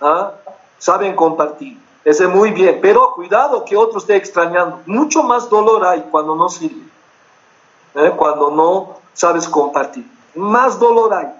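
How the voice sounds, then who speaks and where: High-voiced middle-aged man preaching earnestly. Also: expressive, measured pace, a bit bright, lo-fi sound. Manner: earnest, repetitive preaching with frequent check-in questions. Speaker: pastor. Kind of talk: sermon.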